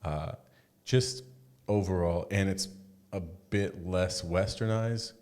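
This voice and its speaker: A man with a very deep voice chats casually as a podcast co-host. He talks in a laid-back, blunt way and swears offhandedly. His delivery is relaxed and conversational. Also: slow. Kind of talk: casual chat.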